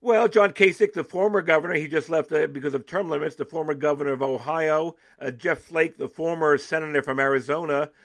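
A man giving political analysis as an interview guest, animated and emphatic, often restarting his sentences. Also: on the high side, a little fast, hardly any pauses.

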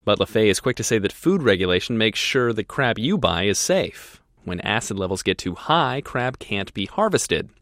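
A male reporter reads a scripted radio news piece. His voice is fairly low, and the recording is dry and close. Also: sing-song, moderate pace, few pauses, fairly bright tone, dry recording.

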